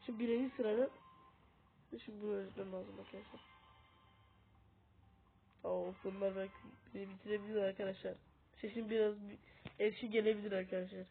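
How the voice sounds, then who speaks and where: A woman's voice: medium pitch, steady tone, fairly quick, gravelly, pauses often, narrow, tinny audio. A woman sounding a bit under the weather gives casual gameplay commentary and keeps calling out to her viewers as friends. Her voice comes through thin and boxy, as from a tablet's built-in mic, with a faint hiss underneath. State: sick. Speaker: gaming video host.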